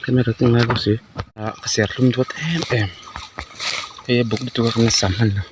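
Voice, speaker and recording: Man at mid pitch, low-key vlogger tossing out short remarks and interjections while working outside, noisy outdoor recording with birds. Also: fairly even intonation, fast talker. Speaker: gardening vlogger. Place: outdoors in a garden.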